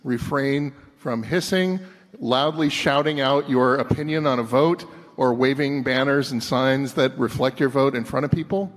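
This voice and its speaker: Measured delegate, mid-pitched man, echoing hall. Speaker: convention delegate. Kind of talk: procedural request. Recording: echoey large hall.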